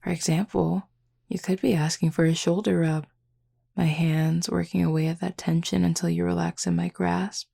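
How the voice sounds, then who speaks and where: A woman plays a flirty, confident female werewolf in an intimate audio roleplay, fully in character. Her husky, gravelly voice is lowish and dark, with little pitch movement at a normal speed, as she teases, drawls and playfully gives orders.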